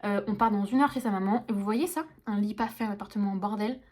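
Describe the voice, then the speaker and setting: A woman's voice: medium pitch, fast talker, a little mellow. Young woman, casual vlogger, slangy and filler-heavy delivery. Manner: chatty, slangy, many fillers. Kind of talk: casual vlog chat to camera.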